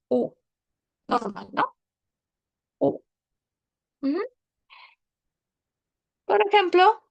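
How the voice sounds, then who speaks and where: A woman's voice: high voice, gravelly. A woman teaching a language class online, patiently repeating words and checking that students follow.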